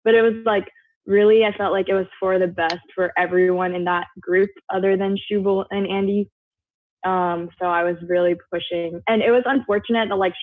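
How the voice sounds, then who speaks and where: A woman's voice: medium pitch, no room sound. A woman, a former contestant, chatting casually on a video call, rambling and saying "like" a lot. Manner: rambling, heavy use of "like". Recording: tinny phone-like audio.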